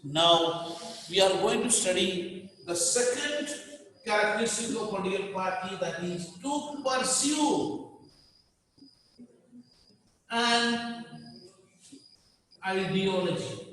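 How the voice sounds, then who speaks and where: A man's voice: high voice, animated, slow pace, pauses often, fairly bright tone, a little hiss or hum. A man teaching a class, repeating key words and telling students what to underline. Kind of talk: classroom lecture. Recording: echoey room with long reverb.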